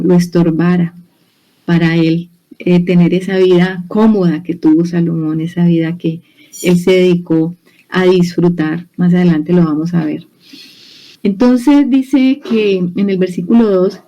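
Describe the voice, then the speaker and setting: A woman's voice: fairly low pitch, warm tone, lo-fi sound. A Colombian woman with a Colombian Spanish accent, teaching a Bible study in a church in a chatty, explanatory way, often restarting her sentences. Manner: explanatory, conversational, with many restarts. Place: church hall.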